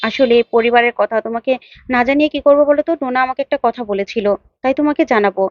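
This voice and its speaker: A woman's voice: on the high side, fast, no echo, muffled recording, lightly acted. A woman voicing a scheming young troublemaker who talks in a sly, sugary way.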